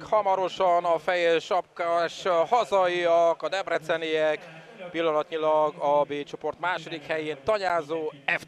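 A man giving excitable live water polo commentary, openly behind the home side. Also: a little high. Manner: excitable, partisan home-side commentary, swelling at attacks and goals. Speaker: sports commentator.

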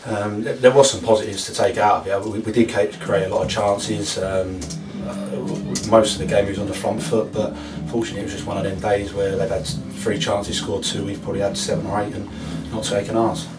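Young footballer, low voice, halting, echoey distant recording with loud hiss. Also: male voice, flat delivery. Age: young adult. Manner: hesitant, halting, many restarts. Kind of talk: post-match interview. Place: club interview room, indoors.

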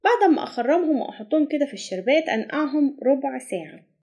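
A woman's voice: high voice, expressive, darkish tone. A woman with an Egyptian Arabic accent narrating a recipe step by step as a cooking channel host. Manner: brisk step-by-step instructions.

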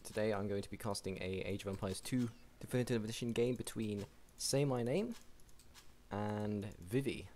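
A young man casually commentating a strategy game match, chatty and excitable, with frequent restarts. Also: on the low side, normal speed. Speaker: game caster.

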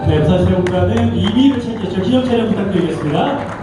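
A high-voiced man hosts a formal ceremony as announcer. His voice echoes through a hall PA from far off. Loud music and a noisy crowd surround him. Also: lively intonation, fast. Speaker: ceremony emcee.

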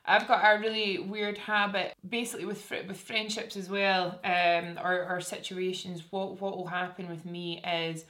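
A woman's voice: on the low side, level tone, normal speed, hardly any pauses, a bit bright. A young woman with a broad Scottish accent, chatting candidly and informally in a casual makeup vlog. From Scotland. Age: young adult. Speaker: beauty YouTuber. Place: indoors, small room with curtain backdrop.

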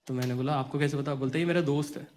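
A young man telling a comic school story on stage, animated and acting out the voices of friends and teachers. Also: medium pitch, racing, very noisy. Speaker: stand-up comedian. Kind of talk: stand-up storytelling.

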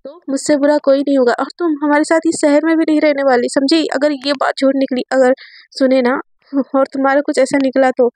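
A woman's voice: high-pitched, little pitch movement, fairly quick, darkish tone, lightly acted. A woman voicing a stern, suspicious mother who warns her daughter in a told story. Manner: scolding, warning.

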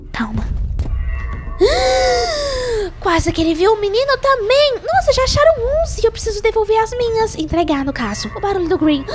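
A woman hosting a let's-play, narrating her game in jumpy exclamations and talking to viewers and to herself. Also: extremely high pitch. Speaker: gaming channel host. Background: game music.

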